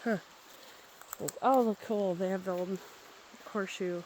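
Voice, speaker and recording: A woman's voice: mid-range voice, fairly even intonation, a little slow, a little mellow, low-quality recording. A woman chatting casually as she walks and narrates a video tour outdoors by a babbling creek. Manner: chatty, talking while walking. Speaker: real estate agent filming a property walkthrough. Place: outdoors on a wooded property by a creek. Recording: faint outdoor background noise. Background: outdoor ambience by a babbling creek.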